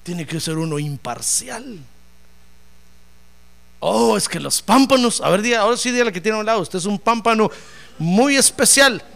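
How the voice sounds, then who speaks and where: A man preaching a sermon in an animated, joking way, acting out voices as he tells the story. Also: high voice, normal speed, creaky, pauses often.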